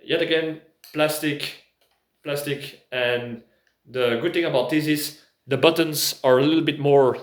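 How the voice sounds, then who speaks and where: In an echoey room, a prepper video host, a Belgian man who is not a native English speaker, casually reviews a product in English while groping hesitantly for words. His voice is mid-range and slightly bright.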